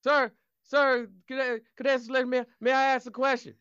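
Guy doing a high, smooth-voiced flustered cadet, stammers over and over, kinda muffled dry sound. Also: level tone, moderate pace, fairly bright tone, dry recording. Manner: stammering, repeating himself. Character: flustered, helpless young male cadet. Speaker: cadet in a comedy skit.

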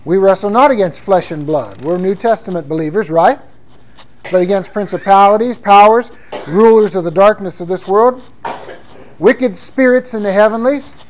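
High-voiced male pastor preaching. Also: lively intonation, moderate pace, pauses often, a little hiss or hum, poor audio. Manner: conversational preaching, reading scripture aloud with emphasis. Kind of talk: sermon.

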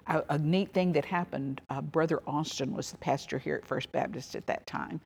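Woman in her seventies, low gravelly voice, halting folksy reminiscence, interview. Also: a little mellow. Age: 70s. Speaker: interviewee, wife of a minister.

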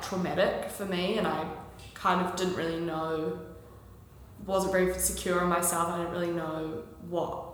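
Young New Zealand-accented woman, podcast guest, chatty and loose, slightly low voice, very echoey room. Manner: chatty, with frequent ums and likes. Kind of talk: casual conversational interview. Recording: echoey room with long reverb and faint hiss.

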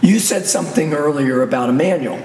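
Male radio co-host, gravelly and hoarse, slightly high-set voice, conversational religious talk, recorded roomy. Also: brisk, darkish tone. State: hoarse, recovering from laryngitis. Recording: roomy, echoey, distant, faint noise.

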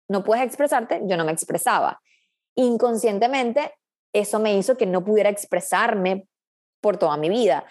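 A woman's voice: mid-range voice, a little mellow. A woman coach, a guest in a casual interview, talking in an earnest, reflective way with frequent restarts.

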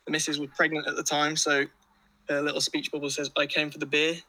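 A man's voice: fairly high pitch, monotone, quick pace, sharp tone, poor audio. A man with an English accent chatting casually and telling rambling anecdotes with British slang.

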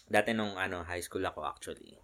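A man's voice: low voice, brisk, fairly bright tone. A young man co-hosting a casual drinking-session podcast, telling rambling stories full of restarts and fillers. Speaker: podcast co-host.

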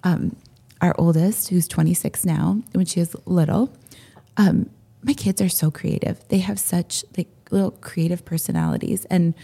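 Forties woman, raspy co-host, chatty and self-deprecating, gravelly low register. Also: fairly even intonation, normal speed, warm tone. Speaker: podcast co-host. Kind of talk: casual chat.

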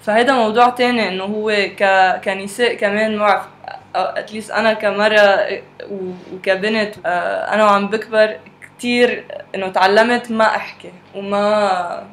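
A woman's voice: mid-range voice, steady tone, normal speed, few pauses. A woman with a Lebanese Arabic accent chatting candidly in a group, mixing Arabic with English. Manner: switches between Arabic and English. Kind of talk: candid casual group discussion. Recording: clear background noise.

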